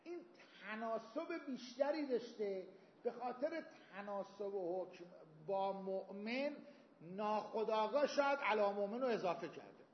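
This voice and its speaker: A man with a high voice gives a seminary lecture, walking through legal reasoning with everyday examples and Arabic quotations. The sound is echoey, as in a hall, with a long reverb tail. The recording is slightly dull and lo-fi. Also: animated, slight background noise. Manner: explains with everyday examples, quotes Arabic texts. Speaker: seminary teacher. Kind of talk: Islamic jurisprudence lecture.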